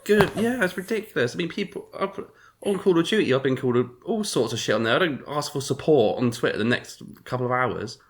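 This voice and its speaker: A man's voice: mid-range voice, expressive, fast, roomy sound. Ranting, exasperated man on a podcast. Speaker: podcast co-host. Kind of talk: casual chat.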